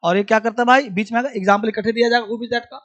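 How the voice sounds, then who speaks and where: A man's voice: very high-pitched, steady tone, very fast, fairly bright tone. Male grammar tutor, exam coaching, familiar with students, repeats lines for dictation. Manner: repeats key points like dictation; addresses students familiarly as son and kid. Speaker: English grammar teacher. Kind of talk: exam-prep lesson.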